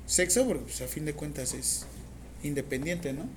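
A woman with a Mexican accent lectures nursing students in a classroom, her voice on the low side. She talks in a lively, teasing way and keeps asking the class questions. Faint room noise sits behind her. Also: moderate pace. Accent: Mexican Spanish. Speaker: nursing instructor.

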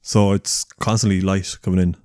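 A man with a lowish voice co-hosts a casual podcast. He is easygoing and agreeable and drifts through loose anecdotes. The sound is close and dry, with no room behind it. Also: level tone, moderate pace, darkish tone, dry recording. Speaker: podcast co-host. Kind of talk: casual chat.

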